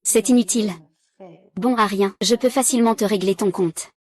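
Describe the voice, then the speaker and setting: A woman's voice: mid-range voice, normal speed, darkish tone. A woman reading dubbed drama dialogue, giving every character's lines in the same plain voice. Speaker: dub voice for a drama recap.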